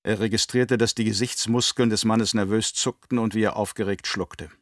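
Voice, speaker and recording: A man narrating an audiobook in a steady, measured storytelling voice. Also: on the low side, no echo, clean studio sound. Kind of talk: scripted narration.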